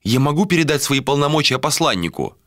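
A man reading an audiobook voices a young woman in a raised, softened voice. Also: fairly high pitch, animated, quick pace, no room sound, clean studio sound, pitched above the performer's own voice. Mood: pleading. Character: young woman, torn and pleading.

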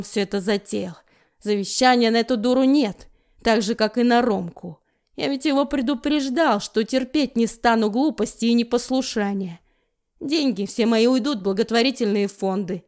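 A woman reading an audiobook voices a tough, gruff man who barks orders and taunts. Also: fairly high pitch, darkish tone, natural voice. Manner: gruff, commanding. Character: tough commanding man shielding his woman.

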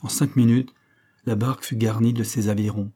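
A man narrating a classic short story in a measured, even reading. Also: mid-range voice. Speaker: audiobook narrator. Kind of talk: scripted literary narration.

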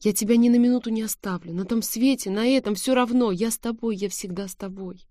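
A woman voicing a devoted, protective young man, soothing and hushed, in a dry, close audiobook reading. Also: on the high side, quick pace, dry recording, pitched above the performer's own voice, close to an everyday voice. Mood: tender.

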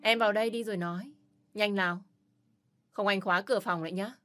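A woman's voice: mid-range voice, steady tone, fast, a bit bright, soft background music, lightly acted. A woman doing a crude, snarling brute of a man. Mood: leering. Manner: leering, snarling threats. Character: brutal abusive adult man, crude and threatening.

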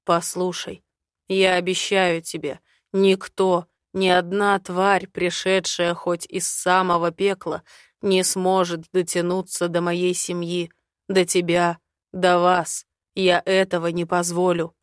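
A woman's voice: lowish voice, completely flat delivery, slow, clear, resonant tone, dry recording, studio quality. A woman reading an audiobook, voicing a stern, powerful man who speaks firmly and makes grave vows. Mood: vowing. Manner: firm, forceful, vowing.

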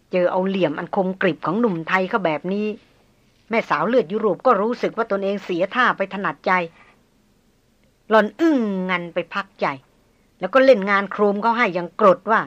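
A woman reading a novel aloud as an audiobook narrator, steady and measured, doing the characters' voices. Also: mid-range voice, highs cut off.

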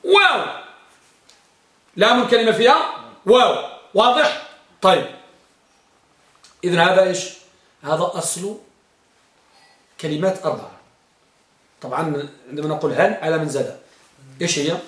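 This Arabic grammar teacher has a high-pitched, animated, slightly bright voice, speaking at a moderate pace with frequent pauses in a roomy-sounding space. He questions his students and elongates words to make his points stick.

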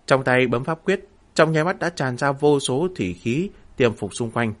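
A man narrating a fantasy novel in a steady, dramatic storytelling voice. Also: mid-range voice, normal speed. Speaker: audiobook narrator.

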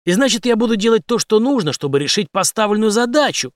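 A man's voice: high voice, animated, quick pace, no echo, studio quality, pitched above the performer's own voice. A man voicing a confident, mocking male special-forces commander who speaks in a cool, menacing way. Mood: coolly menacing.

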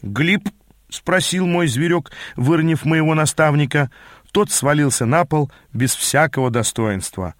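A man reading a fantasy novel aloud as narrator, in an even storytelling delivery. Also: fairly high pitch, a little slow, no room sound, studio quality. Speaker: audiobook narrator.

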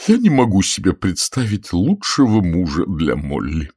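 A man voicing a fretful, hungry middle-aged woman in a pleading falsetto. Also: wildly swooping pitch, normal speed, a little mellow, husky, heavily acted. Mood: tender.

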